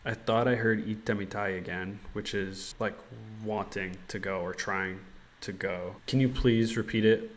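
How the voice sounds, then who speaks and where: Man, slightly deep voice, English speaker, halting practice, thinking aloud. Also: fairly even intonation. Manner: halting and deliberate when forming Japanese phrases. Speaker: language learner.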